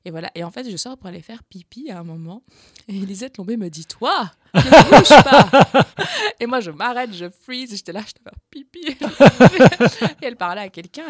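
A woman's voice: lowish voice, dry recording. Chatty Charleroi-accented woman. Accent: Belgian, Charleroi. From Belgium, Charleroi area. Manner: animated, chatty, laughs often between phrases. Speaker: guest, slam poet. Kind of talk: casual interview storytelling.

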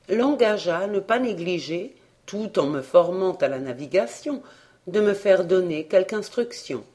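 A volunteer audiobook reader narrating a memoir-style story in a measured, steady way. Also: medium pitch.

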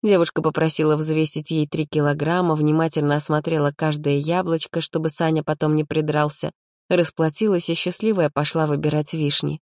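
A woman narrating a story as an audiobook reader, telling it lively. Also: low-pitched, brisk, no room sound, studio quality.

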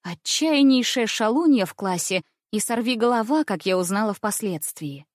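Woman narrating a story, measured and dry. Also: fairly high pitch, animated, no room sound. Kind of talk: scripted narration of a children's story.

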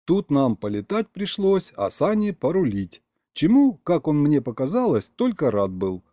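A man reading a first-person science fiction story aloud with expressive storytelling. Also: on the high side, moderate pace, no echo, clean studio sound. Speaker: audiobook reader. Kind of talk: scripted first-person narration.

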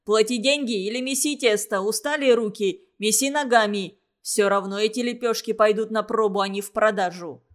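A woman voicing a cheerful, cunning young baker who mocks his guest in a lively singsong way. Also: sits high, moderate pace. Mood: scolding.

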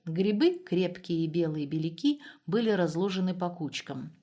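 A woman narrating a story aloud in a calm, even manner. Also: lowish voice, moderate pace.

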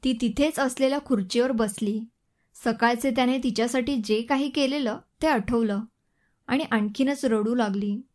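A woman narrating a scripted audio story in a measured, expressive reading. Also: fairly high pitch.

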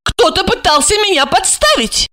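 Woman playing a high, shrill, storybook diva, scornful and exclaiming, all peaks and swoops. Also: lively intonation, normal speed, pushed and bright, heavily acted. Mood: indignant. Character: indignant, theatrical woman celebrity, quick to tears.

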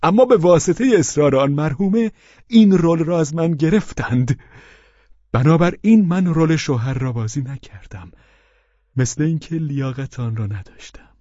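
A man's voice: fairly high pitch, lively intonation, dark tone, no echo, muffled recording, voice pushed up. A man voicing a fawning, overwrought middle-aged widower in an audiobook, pleading in a raised, emotional voice. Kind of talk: audiobook character reading.

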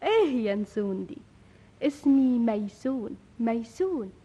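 A woman acting a spirited young village woman in an old Egyptian radio drama, with an Egyptian Arabic accent and an expressive delivery. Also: on the high side, measured pace, slightly rough, full character voice. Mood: teasing. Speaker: Maysoun, heroine.

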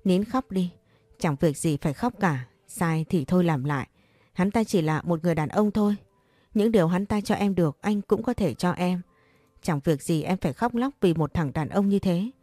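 A woman's voice: lowish voice, expressive, moderate pace, mellow, no echo. A woman voicing a caring but pushy young man who scolds and coaxes a crying friend. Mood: scolding. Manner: scolding yet tender, coaxing. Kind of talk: audiobook character reading.

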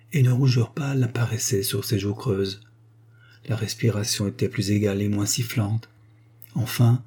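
A man narrating a classic novel in a steady, measured reading. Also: fairly low pitch, breathy edge. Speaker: audiobook narrator.

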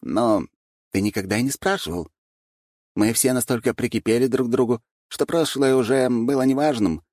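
A man voicing a calm, dreamy young waiter who speaks thoughtfully in a storybook reading. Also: mid-range voice, moderate pace, dry recording, clean studio sound, pitched above the performer's own voice, lightly acted.

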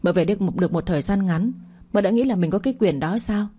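A woman's voice: medium pitch, quick pace, dark tone, husky, natural voice. A woman voicing a brash, defiant young female housemaid in a spoken story. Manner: rude, then pleading.

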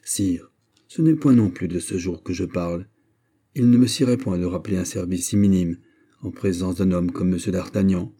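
A man voicing a gracious, modest young nobleman soldier in an audiobook, speaking softly, earnestly and courteously. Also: low voice, normal speed, husky. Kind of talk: audiobook character voice.

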